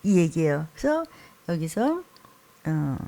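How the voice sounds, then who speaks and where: Animated woman preacher with gravelly voice. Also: deep voice, slow pace. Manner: animated, acts out the crowd's shouts, searches for words aloud. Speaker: pastor. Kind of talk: sermon. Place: church.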